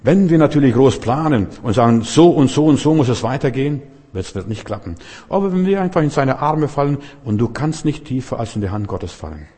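Husky male preacher in a reverberant hall. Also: medium pitch, expressive, a little fast, warm tone. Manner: emphatic, storytelling, colloquial asides. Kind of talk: sermon.

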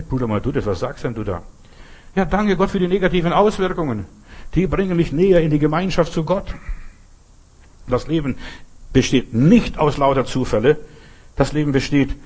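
A man preaching a sermon in an emphatic, repetitive way, with a husky voice. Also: fairly high pitch. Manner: emphatic, repeats phrases, shouts echoing cries when telling stories.

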